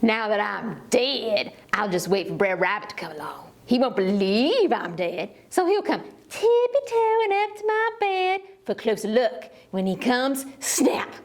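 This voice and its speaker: A woman's voice: fairly high pitch, big pitch swings, measured pace, few pauses. A woman playing a sly, bungling male fox in a children's puppet show, with an eager, exaggerated manner. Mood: sneaky, gleeful.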